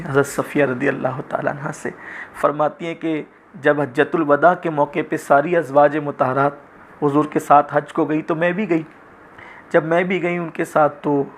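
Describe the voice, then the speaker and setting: A man giving a religious lecture in a measured, reverent storytelling manner, full of honorifics. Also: fairly high pitch. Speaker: religious speaker.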